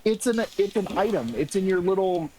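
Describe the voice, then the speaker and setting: A man's voice: high voice, lively intonation, brisk, mellow, low-quality recording. A man co-hosting a let's play, teasing his partner in a dry, casual way. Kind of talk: casual gameplay commentary.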